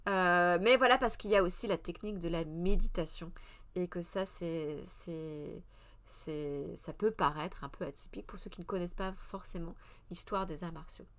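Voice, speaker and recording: A woman's voice: on the low side, moderate pace, a bit bright. A woman in her thirties hosting a casual live press review, chatty and meandering, with many hesitations and self-corrections, answering her chat as she goes. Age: 30s.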